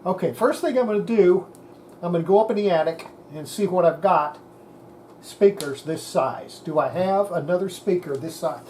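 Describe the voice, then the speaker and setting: A woman with a lowish, darkish voice and a moderate pace hosts a radio repair video. She talks to herself casually as she works at the bench, muttering with exasperation and a bit of mild swearing, over slight background noise.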